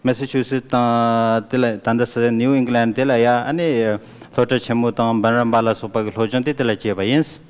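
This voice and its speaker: A man interpreting a biology lecture for students, beginning each turn with a quick affirming "aha.". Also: mid-range voice, steady tone. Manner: brisk, with frequent affirming "aha". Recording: smooth voice in a long-reverb hall.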